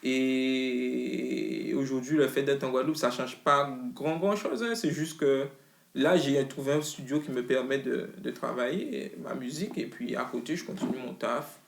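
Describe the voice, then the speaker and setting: A man's voice: mid-range voice, normal speed, gravelly. A man, a rapper talking as an interview guest in a loose, slangy way full of restarts. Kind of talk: casual interview chat. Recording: roomy echo.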